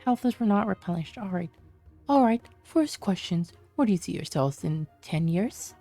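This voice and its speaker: Playing a smooth-talking male doctor who questions a cop, a woman reads game dialogue in a mid-range, warm voice with lively intonation. Soft music plays behind her as she delivers each line in a measured, probing, questioning way.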